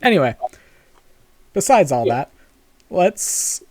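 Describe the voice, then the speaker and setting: A man running a tabletop game on a voice call, recapping the last session with many fillers and pauses. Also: a little high, big pitch swings, a little mellow, no echo. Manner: halting, many fillers and laughs. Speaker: game master.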